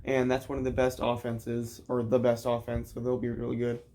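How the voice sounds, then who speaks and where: A man with an average pitch goes through his football rankings in casual chat. He hesitates often and fills pauses with ums. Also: completely flat delivery, warm tone. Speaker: co-host ranking players.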